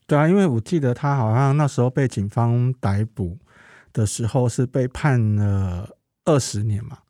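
A man's voice: medium pitch, normal speed, mellow, no room sound, studio quality. A man with a Taiwanese Mandarin accent hosts a conversational podcast, speaking through a face mask. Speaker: podcast host.

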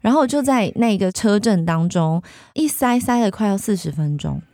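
A woman in her thirties with a Taiwanese Mandarin accent, a guest candidly telling her life story in a lively, animated way. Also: mid-range voice, moderate pace, no room sound, clean studio sound.

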